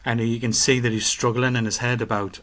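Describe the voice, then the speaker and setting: A man talks casually on a podcast, voice sitting at an ordinary middle pitch. He tells his stories with energy and acts out the quotes he repeats. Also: a little fast. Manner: animated storytelling, acts out quotes. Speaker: podcast co-host. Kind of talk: casual chat.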